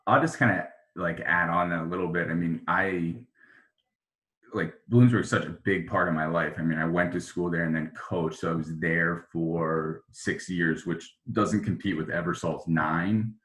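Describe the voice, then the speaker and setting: Former coach, male, deep flat delivery, rambling and nostalgic, echoey video-call audio. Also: normal speed. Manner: reminiscing, rambling with many fillers. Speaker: former assistant baseball coach. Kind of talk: casual video-call interview.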